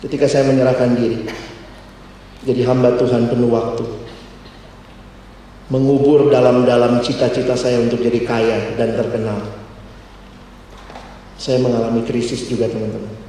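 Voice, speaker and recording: A young man preaching a personal testimony sermon, swinging between loud exclaims and low murmurs. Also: flat delivery, moderate pace, pauses often, distant mic, slight background noise. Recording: roomy hall, heard from afar.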